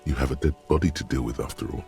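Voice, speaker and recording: An actor voicing the narrator of a video game, speaking in a measured, ominous way. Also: male voice, very deep voice, a little mellow, faint music behind. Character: deep-voiced male game narrator, solemn.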